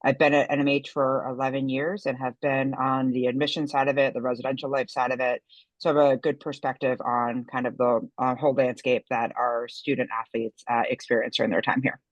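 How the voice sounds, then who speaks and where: A woman's voice: a bass voice, level tone, brisk, no echo, muffled recording. Woman coach on a video call webinar, earnest and upbeat, very dry close sound. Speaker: girls basketball coach and associate dean. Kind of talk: webinar panel talk.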